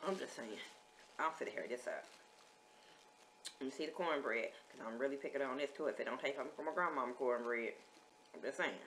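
A woman's voice: rumbling low, brisk, pauses often, fairly bright tone, slight background noise. A woman vlogger, chatting casually as she lists menu items and reviews food. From American.

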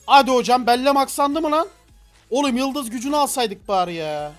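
A man with a very high voice streams a game live, talking to his chat in quick, slangy bursts. He gets excitable and loud, breaks into shouts and laughs, and faint music plays behind him. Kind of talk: live gameplay commentary.

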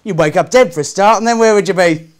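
A man's voice: sits high, quick pace, lightly acted. An actor in his thirties playing a chatty, musing Cockney gangster in a dramatic monologue, wry and conversational. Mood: animated. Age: 30s. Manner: conversational, musing, swinging between muttering and exclaiming.

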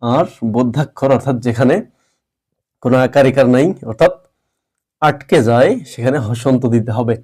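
A man teaching a grammar lesson, explaining rules patiently step by step and repeating words slowly. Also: medium pitch, darkish tone.

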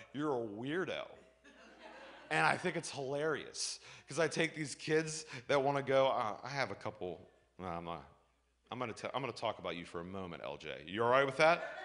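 A male pastor preaching a lively sermon, telling personal stories and acting out the voices in them. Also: mid-range voice, moderate pace. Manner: animated storytelling, acts out voices, shouts and laughs.

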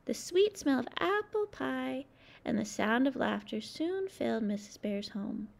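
Animated, high-voiced woman reading to children. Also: unhurried. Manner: expressive, clearly addressed to young children. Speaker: children's book narrator. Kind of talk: read-aloud storybook narration.

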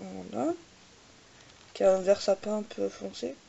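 A warm, husky mid-range voice with vocal fry, its highs cut off, belongs to a beauty vlogger doing casual makeup swatches. She speaks hesitantly amid many "euh"s and repeated "voilà"s, with small asides joking about her English pronunciation.

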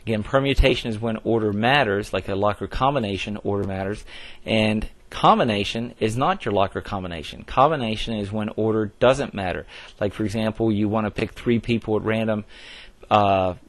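Guy teaching math on video, kinda low voice, plain and patient, lots of uhs, dead dry sound. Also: fairly quick, no room sound. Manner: plain explanatory, frequent "uh" fillers and restarts. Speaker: math instructor. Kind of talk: recorded math lecture.

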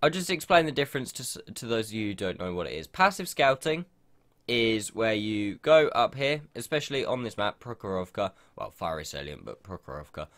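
A young man with a cold-stuffed nose hosts a gaming channel, casually commenting on a game replay and explaining tactics in a rambling way with lots of ums. His voice is fairly low and fairly bright, with big pitch swings and a slightly fast pace.

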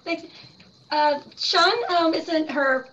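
A woman hosts a small online lecture, friendly and coaxing the quiet attendees to jump in. Her voice is high and bright and a little tense. The call audio is dull and lo-fi. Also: steady tone, slow pace, slight background noise. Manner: friendly, coaxing participants to chime in. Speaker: host of a lecture series. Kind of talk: moderating a Zoom Q&A.

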